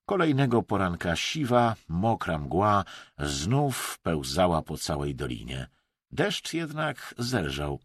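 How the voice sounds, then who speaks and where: A man narrating an audiobook in an expressive, measured way. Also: fairly low pitch, husky, dry recording, studio quality.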